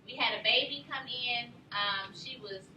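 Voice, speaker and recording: A woman teaching a nursing class, telling lively stories and quizzing her students. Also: a little high, normal speed, a crowd in the background. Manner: animated storyteller, quizzes the class. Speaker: nursing instructor. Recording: roomy classroom from far off.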